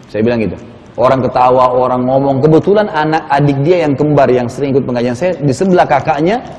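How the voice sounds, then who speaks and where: A man's voice: medium pitch, mellow, in a large hall. A man preaching a sermon, retelling a story with quoted dialogue and building to urgent pleading.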